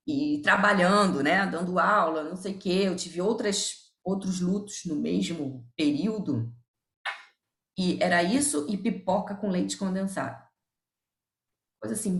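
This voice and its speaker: A middle-aged Brazilian woman speaks with a gravelly, fry-tinged voice. She is an easygoing podcast guest who tells stories from home and laughs often. Her voice carries a noticeable room echo. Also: lowish voice. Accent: Brazilian Portuguese. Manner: lively, laughs often, acts out remembered dialogue. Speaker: guest, nutritionist and professor. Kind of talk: candid conversational storytelling. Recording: roomy echo.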